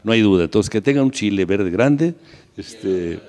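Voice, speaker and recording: Mexican male talk host, lowish voice, playful rambling jokes, studio with a lingering echo. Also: expressive, moderate pace, a little mellow. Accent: Mexican Spanish. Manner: playful, rambling, joking musings. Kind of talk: casual studio banter.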